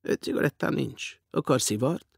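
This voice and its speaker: A man voicing an eager, polite, loud red-haired millionaire in an audiobook. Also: mid-range voice, animated, creaky, husky, dry recording, studio quality, pitched above the performer's own voice, full character voice. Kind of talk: audiobook character voice.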